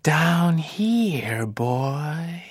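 A man voicing a sinister snake in a storybook tale, whispering slowly and coaxingly. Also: a little high, sing-song, husky, no echo, clean studio sound, heavily acted. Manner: very slow, drawn-out, coaxing.

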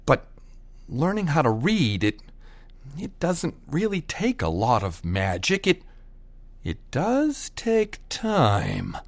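A man voicing an eager, pushy female fairy godmother in a told story, jumping high in pitch. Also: wildly swooping pitch, slow, dry recording, heavily acted. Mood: coaxing.

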